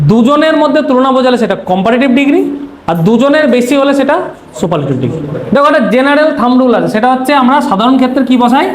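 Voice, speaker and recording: A man teaching an exam-prep grammar lesson, posing questions and answering them himself. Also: very high-pitched. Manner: asks rhetorical questions then answers them; repeats key terms to drill them. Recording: roomy echo, faint noise.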